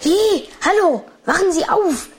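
An actress playing a curious, excited young child explorer in a children's audio drama, with an inquisitive manner. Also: female voice, extremely high pitch, a little slow. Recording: long cavernous reverb, faint noise.

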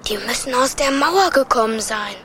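An actress playing a cheeky, watchful young sibling on lookout in a children's audio drama, alert in manner. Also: female voice, sits high, animated, moderate pace, a crowd in the background. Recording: clearly noisy ambience.

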